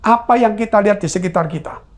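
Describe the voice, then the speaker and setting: A man preaching a church sermon and leading a closing prayer, with lively delivery, jokes and sudden high exclamations. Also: fast. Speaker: pastor.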